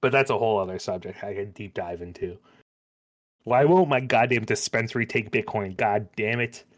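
A man's voice: lowish voice, moderate pace. An American man co-hosting a casual podcast chat over drinks, talking in a loose, sweary way. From United States.

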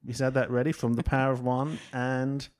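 A man's voice: medium pitch, level tone, a little fast. A man co-hosting a film review podcast in casual chat, making puns and often trailing off mid-sentence. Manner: jokey, makes puns, trails off and restarts. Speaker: podcast co-host.

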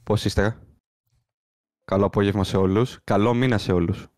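A man's voice: lowish voice, steady tone, a little mellow, dry recording. A man with a mainland Greek accent hosting a podcast in casual chat. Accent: Greek, from Greece. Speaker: podcast host.

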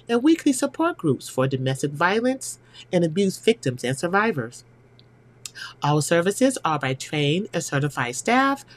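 A woman hosting a podcast, delivering a scripted inspirational monologue in an earnest, emphatic way, speaking directly to the listener. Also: low-pitched. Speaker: podcast host and counselor.

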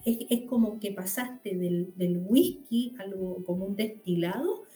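Woman, mellow voice, animated explainer, echoey room, faint music. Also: medium pitch, unhurried. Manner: explanatory, animated, acts out quotes. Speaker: host. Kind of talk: casual chat about diet. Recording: roomy echo.

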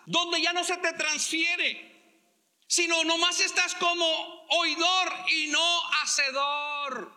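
A male pastor preaching a sermon, stressing words slowly and acting out quotes. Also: very high voice, pushed and bright, big-room sound. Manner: preaching with slow emphatic stresses and acted-out quotes.

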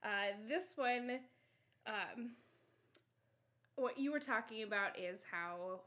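Woman podcast cohost, kinda high voice, laughs a lot, rambly casual chat. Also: expressive, slow, pushed and bright. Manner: giggly, chatty, lots of fillers. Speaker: podcast co-host.

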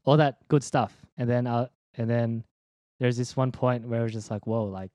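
A man's voice: medium pitch, flat delivery, moderate pace, dark tone, dry recording, clean studio sound. A young man giving a personal faith testimony in an interview, laid-back and slangy, with many ums and restarts. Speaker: interview guest, church leader.

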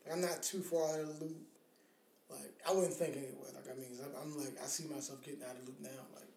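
In a roomy, echoing recording, a man in his thirties co-hosts a podcast, chatting casually about parenting. His mid-range voice is creaky and darkish, his delivery flat and fast, and he's slangy, sweary and a bit of a tease.

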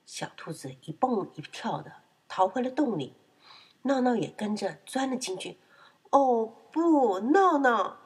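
A woman reading a children's storybook aloud with an expressive, gentle manner. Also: medium pitch, moderate pace, slightly rough.

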